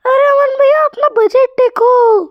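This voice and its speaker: A man voicing a cheeky little cartoon boy who pleads and squeals in a high voice. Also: fairly even intonation, unhurried, dull audio. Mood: squealing.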